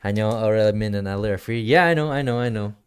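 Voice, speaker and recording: Game music fills the background as a man offers loose commentary on his stream. His voice is on the low side with a clean tone, and his thinking-aloud comes out halting, wandering and repetitive.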